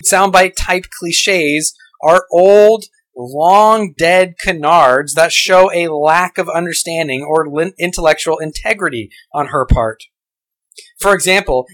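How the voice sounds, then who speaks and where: A male podcast host with a somewhat high-pitched voice reads a scripted rebuttal. He is sarcastic and argumentative, and he keeps firing pointed rhetorical questions. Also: fairly bright tone, rough recording.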